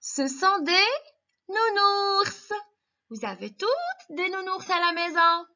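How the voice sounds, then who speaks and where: A woman teacher giving slow, clear lessons to young children, patient and encouraging as she spells out each step. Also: very high-pitched, lively intonation, sharp tone, highs cut off.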